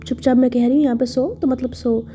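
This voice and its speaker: A woman narrator voices a bossy young wife who snaps orders. The voice is high yet mellow and dark, clipped and scolding. The recording sounds dull and lo-fi. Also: little pitch movement, fast talker, faint music behind, close to an everyday voice. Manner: scolding, curt.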